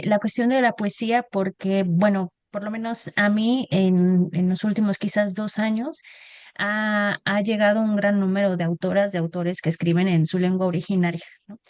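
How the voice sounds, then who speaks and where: A woman's voice: mid-range voice, steady tone, normal speed, clean tone, no room sound. A woman moderating a talk and reading audience comments, hesitant with many fillers.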